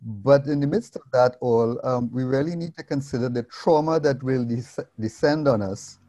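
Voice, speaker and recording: Male moderator, mellow and dry sound, earnest, asks questions. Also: medium pitch, normal speed, no room sound. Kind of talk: panel discussion.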